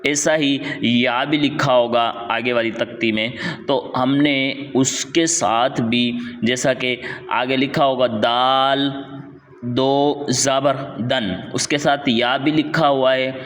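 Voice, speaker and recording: A man teaching Quran letter reading, drawing out each syllable in a slow chant, then explaining quickly and repeating sounds patiently. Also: medium pitch, a bit bright, big-room sound. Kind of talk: step-by-step recitation lesson.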